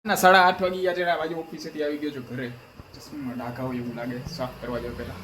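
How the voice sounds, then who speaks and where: A young man talks casually through his daily home vlog. His voice sits a touch high, and his banter is playful and teasing. Faint household noise runs behind him. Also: level tone, fast, a bit bright, low-quality recording. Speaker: family vlogger.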